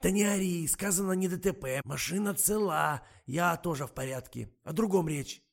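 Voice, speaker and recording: A man's voice: on the high side, normal speed, creaky, pitched above the performer's own voice. A man voicing a grumbling, slangy middle-aged male driver in an audiobook, rambling and full of fillers. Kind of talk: audiobook character voice.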